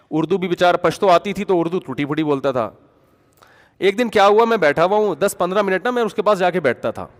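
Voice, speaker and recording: A man preaching a storytelling sermon in an animated, conversational way that rises to emphatic peaks. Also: a little high, long reverb tail. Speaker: Islamic preacher.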